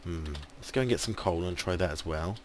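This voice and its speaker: This English man hosts a gaming video, chatting casually over his gameplay with plenty of ums even as he loses his voice. His deep voice moves fairly quickly, and a little background noise comes through.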